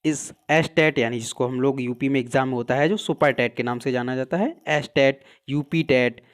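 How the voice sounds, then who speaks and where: A man teaching a Hindi grammar class for exam prep. He asks questions and answers them himself, and his voice drops low and soft at the ends of answers. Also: normal speed.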